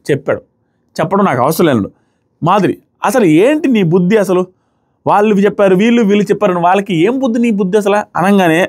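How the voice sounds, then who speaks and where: A man giving a casual, opinionated review of a reality show, retelling the arguments quickly and acting out what others said. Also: high-pitched. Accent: Telugu-speaking South Indian. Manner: fast, animated retelling, briefly mimics the people he quotes.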